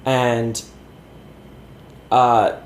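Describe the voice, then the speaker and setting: A man in his thirties talks in a loose, self-deprecating ramble, full of fillers and quick laughs. His voice sits at a middling pitch and carries some room echo, with a faint ambient hiss behind him. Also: level tone. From born in Connecticut, raised in Georgia. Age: 30s. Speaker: interview guest. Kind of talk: casual conversational interview. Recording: roomy sound with faint ambience.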